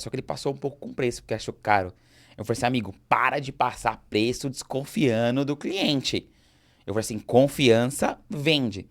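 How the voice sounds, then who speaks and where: A man with a Brazilian accent rattles through a motivational talk, quick and lively. He gives business advice with animated energy and slips into short acted-out exchanges along the way. His voice sits at an ordinary male pitch. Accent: Brazilian Portuguese. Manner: energetic, gesturing, acts out quoted dialogue. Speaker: host.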